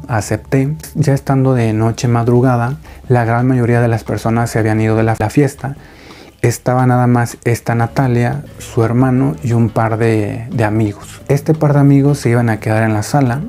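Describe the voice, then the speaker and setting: Mellow man telling a story. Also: mid-range voice, fairly even intonation, normal speed. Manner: conversational, speaks directly to listeners. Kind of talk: storytelling narration. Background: faint background music.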